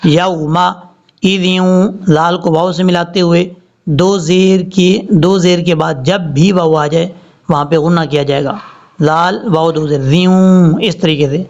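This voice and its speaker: A male Quran teacher explaining tajweed rules and reciting each word slowly and drawn out. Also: on the high side, steady tone, darkish tone. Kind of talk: tajweed lesson with slow recitation. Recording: slightly dull lo-fi audio.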